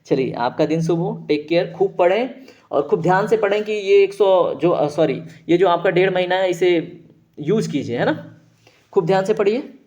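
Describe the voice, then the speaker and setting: Man teaching an exam-prep class, mellow lo-fi voice. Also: high-pitched, animated. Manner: explanatory, drawn-out vowel demonstrations, frequent "है ना" and "ठीक है" check-ins. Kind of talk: online lecture. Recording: dull lo-fi audio.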